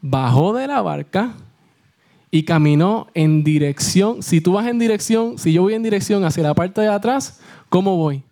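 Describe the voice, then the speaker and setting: A man's voice: sits high, expressive, normal speed, mellow. A young man with a Puerto Rican accent, preaching a sermon as youth leader. He tells the story with animation, asking the congregation questions and answering them himself. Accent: Puerto Rican Spanish.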